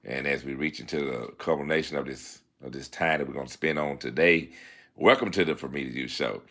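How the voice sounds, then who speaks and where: A man hosting a self-help talk segment, moving between formal read-out passages and relaxed, folksy asides, often checking in with "all right?". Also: very deep voice, a little fast. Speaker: show host giving self-help advice.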